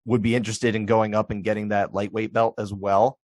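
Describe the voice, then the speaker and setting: In clean, studio-quality audio with no room sound, a male podcast co-host chats about sports in a lowish, slightly mellow voice with flat delivery. He's talkative and long-winded, restarts often, and mimics others with quick voices.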